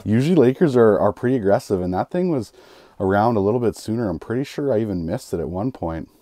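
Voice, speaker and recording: A man in his thirties giving excited running commentary while ice fishing inside a small shelter. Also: on the low side, fast talker, no echo, studio quality. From Canada. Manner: excited running play-by-play, chuckling. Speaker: fishing vlogger. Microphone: camera clipped to his cap and a fixed camera.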